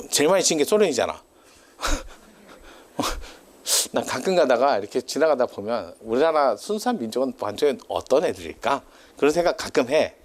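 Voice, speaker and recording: Lively, chatty male lecturer. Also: medium pitch. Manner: chatty, tangent-prone, laughs often, teasing. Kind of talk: casual classroom lecture.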